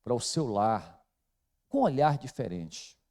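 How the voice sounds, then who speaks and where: A middle-aged Brazilian man preaching a sermon in church, slow and emphatic, repeating phrases and swinging between loud and soft. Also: mid-range voice, big pitch swings. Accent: Brazilian Portuguese. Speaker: pastor.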